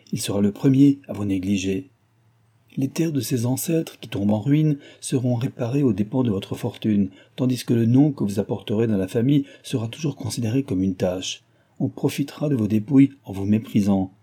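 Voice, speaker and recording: A man's voice: on the low side, warm tone, slightly rough. A man reading as a stern, grave old advisor. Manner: grave, admonishing.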